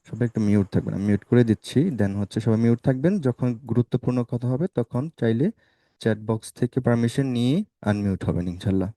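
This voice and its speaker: A male teacher leading an online spoken English class, saying words slowly and asking students to repeat them. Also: medium pitch, dark tone, no room sound.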